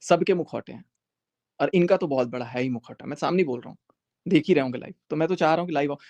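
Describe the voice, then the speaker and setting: A man's voice: on the high side, quick pace, darkish tone. A man speaking on a live stream to his viewers, emphatic and confrontational, repeating his points for force. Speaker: social media creator.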